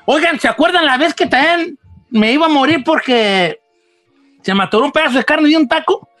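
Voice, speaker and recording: A man's voice: very high-pitched, fairly quick, no echo, soft background music. A man voicing a folksy old Mexican ranch man who hosts a radio show, with a Mexican Spanish accent, telling rambling comic stories and acting out the other people in them. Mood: amused. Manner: rambling, animated, acts out choking and the vendor's replies.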